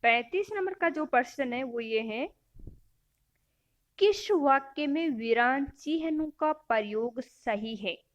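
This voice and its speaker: Lady teacher reading out quiz options then explaining the answer, talks slow. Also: sits high, expressive. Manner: self-correcting. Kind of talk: exam-prep grammar lesson.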